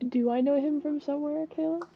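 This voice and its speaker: A woman's voice: high-pitched, fairly even intonation, a little fast, creaky, lo-fi sound, faint music behind. A woman playing a tabletop game over online voice chat, talking bluntly and swearing casually.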